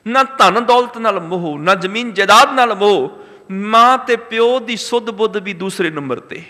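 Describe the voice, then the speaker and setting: Brief: male preacher, bright and forceful tone, intoning scripture and driving home each point with repetition. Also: sits high, animated, big-room sound. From Punjab, India. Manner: chants scripture lines slowly, emphatic repetition. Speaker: Sikh preacher. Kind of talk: religious discourse.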